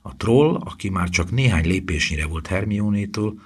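A man reading a fantasy story aloud as narrator, building suspense and often sinking to a hushed whisper. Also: low voice, animated, husky. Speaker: audiobook narrator. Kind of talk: scripted narration.

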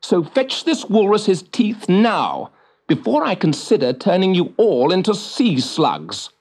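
A man's voice: high-pitched, very animated, unhurried, a little mellow, slightly rough, pitched above the performer's own voice, heavily acted. A man voicing a stern, commanding shape-shifting woman who makes demands.

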